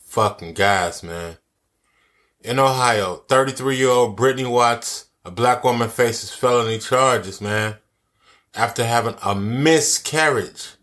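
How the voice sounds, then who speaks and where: A man's voice: mid-range voice, takes it slowly, a bit bright. Profane, emphatic man ranting. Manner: profane, emphatic, repeats his key phrases. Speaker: commentary vlogger. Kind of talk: angry social commentary.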